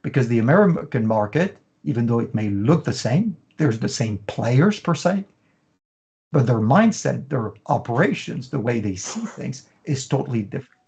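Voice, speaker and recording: A very animated middle-aged man with a gravelly, darkish, medium-pitched voice speaks at normal speed, and the audio sounds dull. He's a fashion business consultant explaining his methods in an interview, linking long lists with frequent "you know" fillers.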